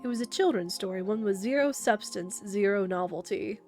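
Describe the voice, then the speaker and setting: A woman voicing a smug female corporate villain in a game, talking slowly and theatrically with condescending menace. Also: medium pitch, a little mellow, soft background music, lightly acted. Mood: bitter, cynical. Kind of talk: reading game dialogue aloud in character.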